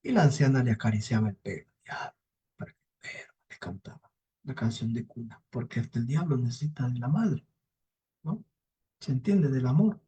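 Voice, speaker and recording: A man teaching psychology, telling a folktale in a lively storytelling manner, often checking in with tag questions. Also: medium pitch, normal speed, husky, lo-fi sound. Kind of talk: storytelling lecture.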